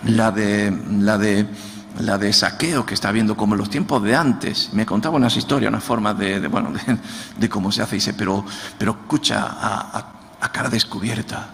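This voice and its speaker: Andalusian pastor preaching in a reverberant hall. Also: male voice, lowish voice, vocal fry, a bit bright. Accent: Andalusian Spanish. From Andalusia, Spain. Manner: halting, repeats words while searching; asks the congregation for response. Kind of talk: sermon. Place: church hall. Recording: church hall with long reverb, faint noise.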